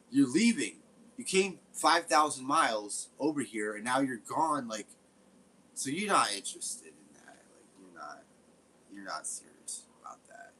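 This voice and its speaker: A man's voice: medium pitch, pushed and bright, slight background noise, low-quality recording. A man giving casual, rambling gameplay commentary, swearing often. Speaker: game streamer.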